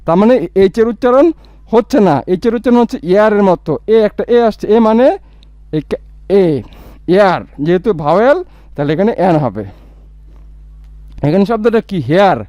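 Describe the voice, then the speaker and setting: A man with a Bangladeshi accent gives an English lesson in a high, mellow voice, reading each example slowly before explaining it. His voice is smooth and clear. The recording is dry but dull and lo-fi. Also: lively intonation, no echo. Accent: Bangladeshi Bengali. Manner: slow, deliberate reading of example sentences, then explaining. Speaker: English tutor.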